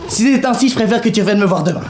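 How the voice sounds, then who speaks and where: A woman's voice: on the high side, racing, a little mellow, echoey room, slight background noise, lightly acted. A woman playing a lecherous, bossy male army lieutenant who barks drill orders, performed on a live stage. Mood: leering. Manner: barking drill commands, leering. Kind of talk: live stage comedy acting.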